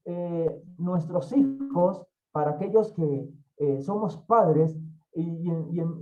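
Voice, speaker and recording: Male Bible teacher, emphatic sermon delivery, mellow tone, muffled lo-fi recording. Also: high voice. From Colombia. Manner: emphatic, repeats key phrases, acts out quoted voices. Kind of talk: expository Bible study sermon.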